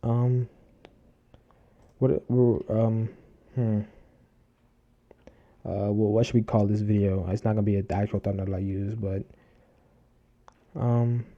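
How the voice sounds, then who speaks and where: Speaking slowly and pausing often, a man with a lowish, fairly flat voice walks through a screen-recorded tutorial. His rambling delivery is packed with fillers and restarts, and heavy breathing comes through the desk mic near his mouth in a muffled recording.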